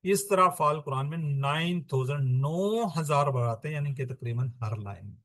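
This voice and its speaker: A man teaches a Quran lesson. His voice sits fairly high. He explains step by step and poses questions he answers himself. The recording is dry and close. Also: expressive, fairly bright tone, no echo. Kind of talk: classroom-style lesson explanation.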